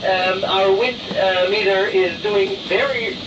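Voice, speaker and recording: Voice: medium pitch, fairly even intonation, slow pace, distant mic. A sailor on another boat, heard over a marine radio. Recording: muffled radio with loud noise.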